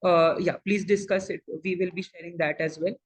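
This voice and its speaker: Husky Indian-accented online exam coach, sex ambiguous. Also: medium pitch, fairly even intonation, a little fast. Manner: switches between English and Hindi, repeats phrases and checks for agreement. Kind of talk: interactive lecture, quizzing students. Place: live online class over video call.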